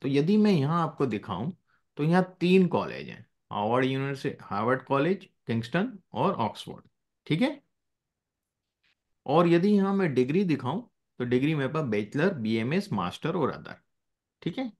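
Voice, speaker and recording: A man's voice: medium pitch, very animated, moderate pace, darkish tone. A male teacher giving a live classroom lesson. He mixes English phrases into his explanations and keeps checking that the students follow.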